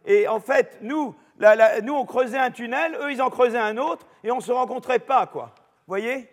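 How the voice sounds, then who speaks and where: An older professor with a French accent lectures a university class in a lecture hall, his voice fairly high for a man and at normal speed. He speaks loosely and chattily, frequently restarting sentences with fillers, while a long hall reverb trails behind him.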